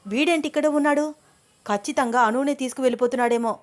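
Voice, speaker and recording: A woman's voice: on the high side, normal speed, fairly bright tone, close to an everyday voice. A woman voicing an anxious young man who fires off worried questions in a spoken story. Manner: urgent and questioning. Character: alarmed young man, protective friend.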